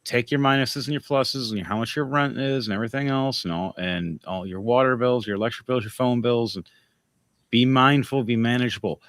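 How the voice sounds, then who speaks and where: A man's voice: mid-range voice, fairly quick, fairly bright tone, no echo. A man hosting a podcast in casual chat, rambling and giving advice. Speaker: podcast host.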